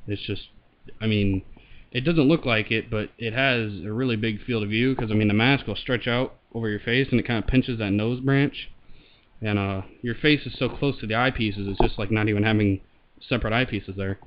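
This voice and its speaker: A man with a fairly low voice speaks through a gas mask. He reviews it casually, and the recording is somewhat dull. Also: steady tone, normal speed, slight background noise.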